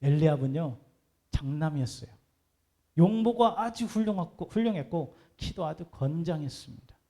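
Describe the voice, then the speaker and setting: A man's voice: fairly high pitch, animated, moderate pace, warm tone. A man preaching a sermon as pastor, talking conversationally and putting rhetorical questions to the congregation.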